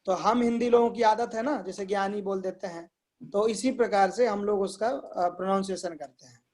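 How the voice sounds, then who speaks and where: A man's voice: sits high, fairly even intonation, normal speed, a little mellow. A man teaching Sanskrit pronunciation in an online class, patiently repeating sounds and checking that his students follow.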